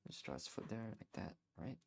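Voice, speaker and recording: The streaming artist's voice here is on the low side, expressive, fairly quick, a little mellow, and touched with vocal fry. He's a young man drawing live, rambling casually and repeating words as he thinks.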